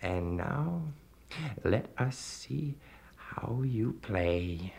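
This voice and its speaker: A man voicing a sly, smooth male devil in a folktale, speaking slowly and hushed, trailing into whispers. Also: a little high, big pitch swings, slight background noise, pitched above the performer's own voice, heavily acted. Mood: tempting.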